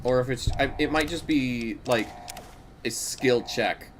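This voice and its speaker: A man casually chatting and swearing while playing a game with a friend, laid-back and quick to laugh. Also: mid-range voice, a little hiss or hum. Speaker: gaming co-host. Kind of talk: casual gameplay chat.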